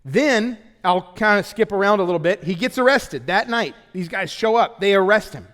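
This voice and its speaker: A man preaching a sermon in a conversational, joking way, with sudden loud bursts. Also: high-pitched, lively intonation, normal speed, in a large hall. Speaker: pastor. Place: church auditorium.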